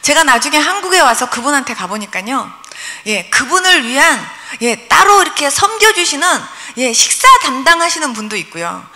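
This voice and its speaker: A woman's voice: sits high, normal speed. A woman in her sixties, a pastor telling testimony stories at a revival sermon, acting out prayers and dialogue as she goes. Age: 60s. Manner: lively storytelling, acts out prayers and dialogue. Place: church revival meeting hall. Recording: long hall reverb.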